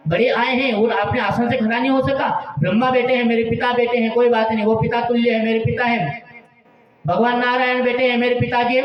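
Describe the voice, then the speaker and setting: A man voicing an angry, proud father-in-law king who rants with scorn. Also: very high-pitched. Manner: scornful ranting. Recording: echoey hall from far off, dull.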